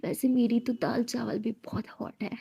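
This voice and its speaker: A woman voicing a playful, teasing young woman in love, talking in a soft, sometimes hushed way. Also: on the high side, fairly even intonation, moderate pace, creaky, slightly rough, full character voice.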